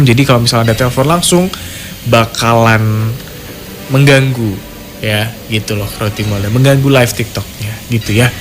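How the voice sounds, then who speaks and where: A man's voice: mid-range voice, fairly bright tone. A man hosting a live radio call-in show casually, chatting directly to his listeners. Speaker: radio host of a horror-story call-in show. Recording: music playing behind voice.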